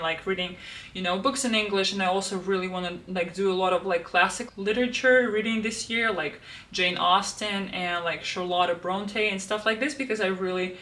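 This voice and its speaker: A young Russian woman in her 20s, a native Russian speaker, walks through her planner in a casual vlog from a room at home. Her voice is bright and mid-range, picked up by a distant mic, and she talks in a chatty way full of fillers and restarts.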